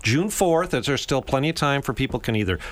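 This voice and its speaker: Friendly male radio host of middle pitch, chatty and quick to laugh. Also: lively intonation. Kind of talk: community radio interview.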